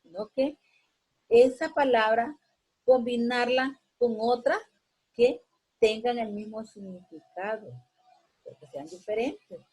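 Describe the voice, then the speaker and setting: A woman's voice: a little high, slow pace, long pauses, darkish tone, slightly rough, low-quality recording. A woman teacher explaining a lesson patiently with everyday examples, often tagging her sentences with a questioning check and hesitation fillers. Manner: keeps adding a questioning tag, with frequent hesitation fillers.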